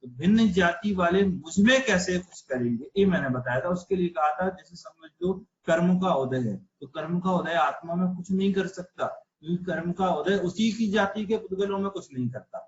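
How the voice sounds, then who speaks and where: A man's voice: sits high, moderate pace, few pauses, echoey room, muffled recording. A man teaching an online religious philosophy class, explaining patiently and asking rhetorical questions. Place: online video call class.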